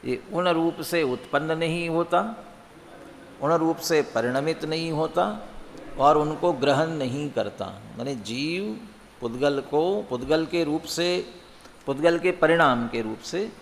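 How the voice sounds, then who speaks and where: A man teaching a religious text, explaining by posing and answering his own questions and chanting verses slowly. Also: fairly high pitch, in a large hall. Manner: chants scripture slowly and deliberately. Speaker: scripture teacher.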